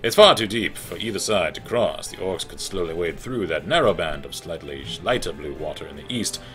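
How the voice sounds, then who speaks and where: A man's voice: low voice, expressive, brisk, a bit bright, soft background music. A man voicing a haughty male elf champion who gives lofty, commanding battle advice in a video game. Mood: instructive.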